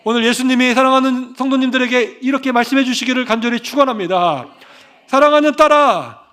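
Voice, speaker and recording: A Korean pastor preaching a fervent, emphatic sermon that rises into proclamations. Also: male voice, very high voice, fairly even intonation, fast, fairly bright tone.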